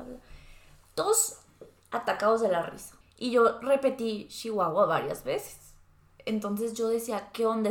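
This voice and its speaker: A woman from Sonora with a northern Mexican accent co-hosts a casual podcast of chat and advice, telling stories animatedly and imitating other people's voices. Her voice is fairly high, and the sound is roomy.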